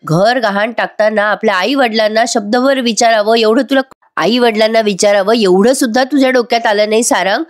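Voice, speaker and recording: A woman's voice: a little high, a little fast, voice pushed up, close to an everyday voice. A woman voicing an angry, proud middle-aged mother scolding her son.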